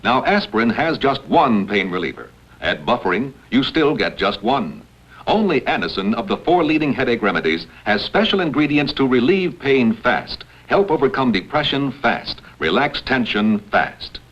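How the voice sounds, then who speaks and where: A male announcer narrating a scripted 1960s television commercial with an emphatic, repetitive sales pitch. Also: big pitch swings, moderate pace, a bit bright. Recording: muffled, husky vintage broadcast audio.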